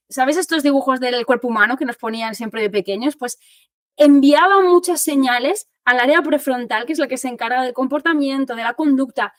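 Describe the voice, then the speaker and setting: A woman from Spain, an occupational therapist, explaining things to families in an animated, informal way and acting out what people say. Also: high voice, dry recording. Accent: Spanish from Spain. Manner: animated, explanatory, acts out quotes. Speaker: occupational therapist giving a talk.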